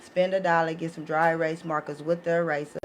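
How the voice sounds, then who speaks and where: A fast-talking American woman with a deep voice and flat delivery appears as a podcast guest to discuss her educational book series. She explains things casually and with emphasis, dropping in questions to make sure listeners are following, over clearly noisy live audio.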